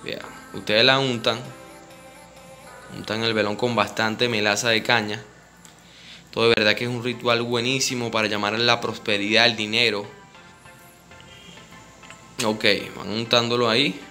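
A Venezuelan-accented man leads a home ritual and explains each step to the people watching. He talks directly to viewers and repeats his instructions over and over. His voice sits at an ordinary middle pitch, and music plays clearly behind him. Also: little pitch movement, normal speed, pauses often, sharp tone. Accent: Venezuelan Spanish. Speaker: spiritist ritual guide. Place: indoor room with a home altar.

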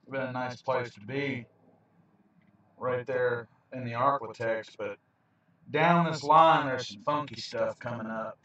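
A man's voice: medium pitch, steady tone, measured pace, a bit bright. Storm chaser guy talking thru radar for viewers, kinda far from the mic, dull sound. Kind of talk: explaining weather radar to viewers. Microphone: handheld camera, away from the mouth. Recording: roomy, dull, distant handheld camera mic.

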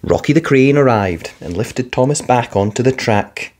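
Here a children's picture book is read aloud by a narrator with a mid-range voice, speaking at normal speed in a lively storytelling manner.

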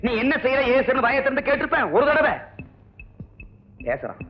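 A man's voice: extremely high pitch, sing-song, brisk, soft background music. An actor playing a stern middle-aged lawyer father who scolds and blusters at his son. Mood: scolding. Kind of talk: 1980s film dialogue. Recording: dull old film soundtrack.

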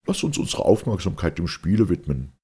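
A man voicing a gentleman friend who raises his voice, snorts and turns sarcastic. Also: deep voice, sing-song, brisk, husky, pitched above the performer's own voice, full character voice. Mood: agitated. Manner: agitated, sarcastic, raising his voice.

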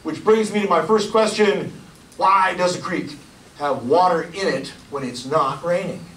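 Man, forties, public science talk, loud and animated, slightly high voice, roomy echo, heard from a distance. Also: measured pace. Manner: loud, energetic, gestures and points at slides. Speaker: county hydrogeologist giving a public talk. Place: lecture room with audience. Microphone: lapel mic, filmed from the room. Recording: echoey room, voice from far off.

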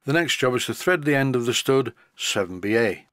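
An older man with a softened northern English accent, narrating an unscripted workshop tutorial voice-over in a relaxed way with a slight stutter, into a high-end studio microphone. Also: a little fast, dry recording. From northern England. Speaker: model engineering tutor.

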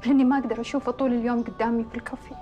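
An actress playing a heartbroken young cafe worker, hurt and resigned. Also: female voice, fairly high pitch, level tone, very fast, lo-fi sound, faint music behind, close to an everyday voice. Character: heartbroken young woman wanting to quit. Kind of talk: TV drama acting.

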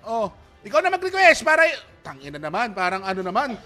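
Casting: male streamer, very high and piercing voice, relentless jeering trash talker, soft game music behind. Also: wildly swooping pitch, fast talker. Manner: taunting, cursing, repetitive jeers. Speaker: live streamer. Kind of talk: heated trash talk.

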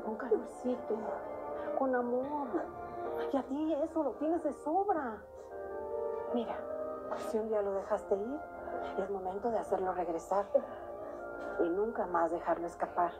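A woman's voice: a little high, unhurried, pauses often, natural voice, rough recording. An actress with a Mexican accent playing a feisty middle-aged woman who firmly encourages her friend in a TV drama. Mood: encouraging, firm. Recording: loud music behind the dialogue.

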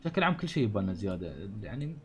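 Fast-talking Gulf Arabic gamer man. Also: on the low side, very animated. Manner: chatty, thinks aloud, grumbles and jokes at the game's townsfolk. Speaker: gaming channel host. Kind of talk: casual gameplay commentary. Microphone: studio condenser mic.

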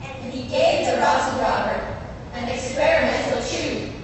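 Women reciting verse together as a chorus in unison, with theatrical, measured storytelling delivery. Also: female voice, sits high. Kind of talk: choral verse speaking in unison, a group recitation. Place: large echoey hall at a school assembly. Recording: echoey hall, far mic, noisy.

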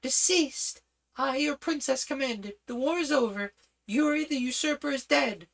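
A man's voice: very high-pitched, normal speed, vocal fry, a bit bright, voice pushed up, full character voice, low-quality recording. A man voicing a regal, commanding young princess in a storybook reading, with imperious urgency. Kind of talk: audiobook character voice.

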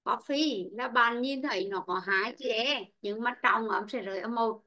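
A woman's voice: fairly high pitch, normal speed, bright, forceful tone. A woman teaching an online English lesson, patiently calling on pupils by name and explaining word stress. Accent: Vietnamese.

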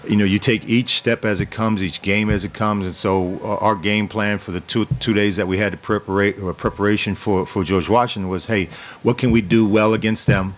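A middle-aged man with a fairly low voice fields questions after a game as head coach. He speaks in a measured, steady way, doubling words as he restarts a thought. He talks into a desk microphone in a press room. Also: slight background noise. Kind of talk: post-game press conference answers. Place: press room in front of a sponsor backdrop. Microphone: desk microphone on a stand.

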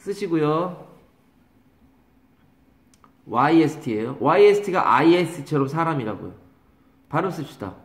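A man teaching English vocabulary to a class, drawing out pronunciations slowly and teasing and scolding his students. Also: on the high side, big pitch swings. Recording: echoey classroom.

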